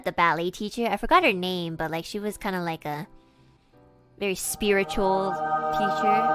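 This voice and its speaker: Bright, giggly young-sounding woman streamer. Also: mid-range voice. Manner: giggly, rambling, swears casually, many fillers. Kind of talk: casual stream chat.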